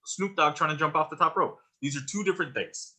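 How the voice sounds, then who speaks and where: A man's voice: a little high, fast, bright, forceful tone. A man co-hosting a podcast in casual chat, giving blunt and exasperated opinions. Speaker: podcast co-host. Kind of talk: casual chat about wrestling.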